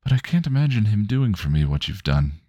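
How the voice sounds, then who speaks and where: A man voicing a young woman who is tearful and earnest, speaking softly and haltingly. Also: lowish voice, very animated, slightly rough, no echo, dull audio, voice pushed up.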